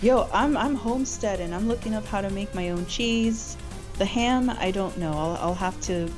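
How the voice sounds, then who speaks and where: A woman's voice: medium pitch, moderate pace, over music. Chatty joking woman on a stream. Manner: joking, chatty, laughs often. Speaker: co-host on an art stream. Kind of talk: casual chat.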